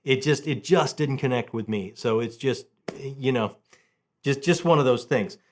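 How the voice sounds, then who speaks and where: With a medium-pitched voice at a normal speed, a middle-aged book review channel host talks eagerly and casually about books, repeating phrases to stress them. A little hiss or hum sits in the recording.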